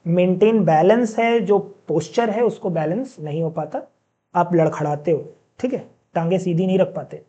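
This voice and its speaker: Male teacher in a casual lecture, mellow, a bit lo-fi; chatty, asks the class questions. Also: high-pitched. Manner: mixes in read-out English sentences, slowly.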